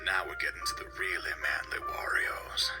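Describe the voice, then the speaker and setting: A man narrating a parody countdown in a breathy, mock-seductive whisper, deadpan throughout. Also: low voice, normal speed. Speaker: video narrator. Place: home. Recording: voice-over with loud music behind.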